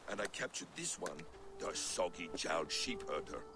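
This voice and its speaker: An actor voicing a sly, menacing Norse trickster god in a video game, with theatrical, taunting speech. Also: male voice, sits low, animated, moderate pace, over loud music. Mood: taunting menace. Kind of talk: video game character acting. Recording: noisy game ambience behind.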